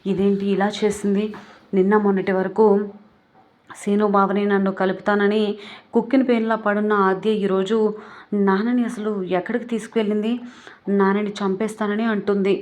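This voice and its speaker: A woman's voice: medium pitch, flat delivery, normal speed, a little mellow, lightly acted. A woman voicing a scheming young woman who is frightened and accuses her rival. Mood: accusing. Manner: accusing, anxious.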